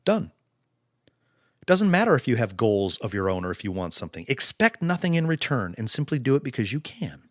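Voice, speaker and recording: A male podcast host giving an earnest, preachy motivational monologue in slow, deliberate phrases. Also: medium pitch, sing-song, no room sound, studio quality.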